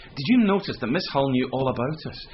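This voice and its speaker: A man plays a long-suffering British detective sergeant from a radio mystery. He is courteous and deferential, slightly hesitant, with a lively swing in pitch. The sound is dull, with some noise behind him. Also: a little fast, close to an everyday voice. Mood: puzzled, suspicious. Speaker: actor. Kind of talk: radio drama acting and first-person narration. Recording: dull, noisy radio-drama recording.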